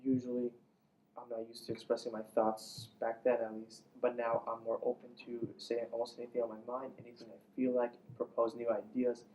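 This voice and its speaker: This young man from Iran, a Farsi native, speaks in a mid-range, warm, monotone voice at a brisk clip. As an interview guest he explains things earnestly and somewhat formally. Faint background noise comes through the distant microphone.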